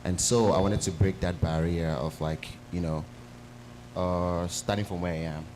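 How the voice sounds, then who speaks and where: A man's voice: deep voice, steady tone, normal speed. A young man from Cameroon speaking on a panel, hesitant and full of fillers. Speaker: panelist, content creator. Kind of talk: panel discussion. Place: church event hall. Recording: noisy event recording.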